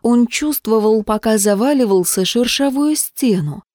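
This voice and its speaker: A woman reading a story aloud as an audiobook narrator, in a tense, measured manner. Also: a little high, animated, dark tone, no echo, clean studio sound. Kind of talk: scripted narration.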